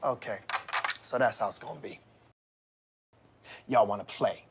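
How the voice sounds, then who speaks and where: A man playing a stern, middle-aged substitute teacher in a comedy sketch, flustered, confrontational and easily enraged, with a husky, rough voice. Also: lowish voice, steady tone, measured pace. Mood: simmering menace. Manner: flustered, confrontational, mispronounces names with menacing insistence.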